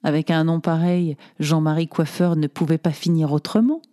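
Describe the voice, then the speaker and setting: Dark, low-voiced wry woman narrator. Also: little pitch movement. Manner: wry, ironic, deliberate. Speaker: audiobook narrator. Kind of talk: literary first-person narration. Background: faint music.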